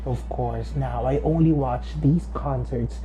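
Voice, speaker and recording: A man's voice: medium pitch, a little slow, mellow, faint music behind, natural voice, poor audio. A man voicing a haughty, pampered royal queen who speaks in a pompous, regal, sing-song manner. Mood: grand. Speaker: resident choral diva.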